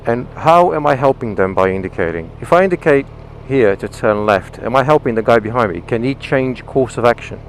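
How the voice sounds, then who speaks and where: Recorded on a helmet-mounted mic while riding his motorcycle, a British vlogger explains things in a casual way. His mid-range voice is expressive and brisk, with hardly any pauses. The audio is poor, and engine, wind and traffic noise come through clearly.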